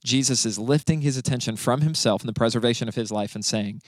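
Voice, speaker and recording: A man's voice: medium pitch, fast, no echo. Man teaching scripture in casual conversation. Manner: explanatory, frequent "right?" and fillers.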